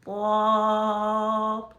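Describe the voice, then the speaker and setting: A woman voicing a male robot from the future, speaking in a slow, flat, mechanical robot voice and saying beeps and boops. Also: mid-range voice, roomy sound. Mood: stiff.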